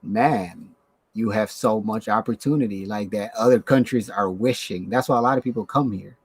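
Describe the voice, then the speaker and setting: A man's voice: fairly low pitch, moderate pace, breathy edge, no echo. A man from Somalia talking casually and reflectively on a podcast, with frequent "you know" fillers. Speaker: podcast guest. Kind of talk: casual chat.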